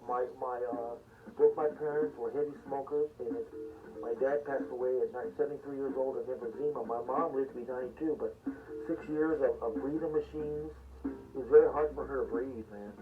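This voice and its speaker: A man's voice: medium pitch, steady tone, brisk. Seventy-year-old man, tinny and distant. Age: 70s. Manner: folksy, rambling, blunt. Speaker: singer-songwriter giving life advice. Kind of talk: casual monologue. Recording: tinny phone-like sound from a distance with music behind. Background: music.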